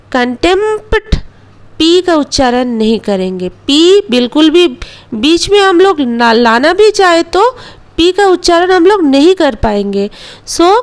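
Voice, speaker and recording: Indian lady english teacher, high voice, slow and patient, goes over each rule twice. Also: a little mellow. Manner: switches between Hindi and English, repeats rules slowly. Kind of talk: online language lesson.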